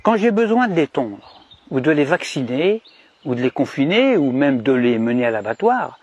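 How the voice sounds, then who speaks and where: A man from DR Congo playing a smug, cunning shepherd in a mock-cheerful satirical monologue with sly, emphatic pitch swings. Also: very animated, moderate pace, darkish tone, husky, dull audio. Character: cunning, smug male shepherd boasting of control.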